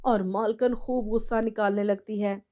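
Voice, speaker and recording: A woman narrating a cartoon story in a plain, steady storytelling manner. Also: mid-range voice, normal speed.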